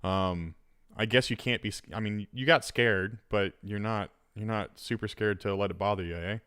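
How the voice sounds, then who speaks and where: Smooth-voiced man host in his thirties. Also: lowish voice, steady tone, moderate pace, fairly bright tone, no echo, clean studio sound. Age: 30s. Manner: rambling, restarting his questions. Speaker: podcast host. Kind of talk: casual interview chat.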